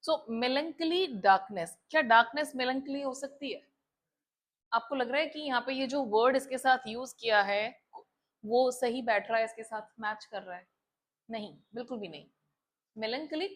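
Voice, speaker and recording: A woman's voice: sits high, fairly bright tone. A woman teacher with an Indian accent explaining a poem, asking questions and then answering them herself. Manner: asks and answers her own questions. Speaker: English teacher. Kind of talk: classroom lesson in Hindi-English mix.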